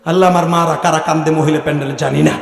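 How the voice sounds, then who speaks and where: A man preaching a fiery sermon at a large outdoor gathering, shouting commands to the crowd and breaking into a wailing, half-sung tone. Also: on the high side, steady tone, racing, creaky. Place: large outdoor religious gathering under a pandal. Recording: echoey public-address sound with long reverb.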